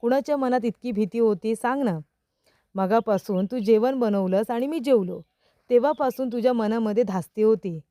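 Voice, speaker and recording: A woman's voice: fairly high pitch, normal speed, mellow, no echo, clean studio sound, lightly acted. A woman voicing a young husband who teases his wife and then patiently explains, asking rhetorical questions. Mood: teasing. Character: young man, teacher, teasing then earnest.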